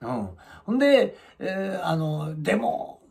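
A middle-aged man from tells a story in a lively, swooping voice with a gravelly edge. He talks as a channel host and acts out the people he describes. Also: sits high, takes it slowly. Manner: animated, acts out quoted voices. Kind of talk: casual storytelling monologue.

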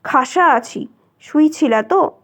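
A woman's voice: high voice, animated, slow pace, fairly bright tone, heavily acted. A woman doing a stubborn, mocking young husband.

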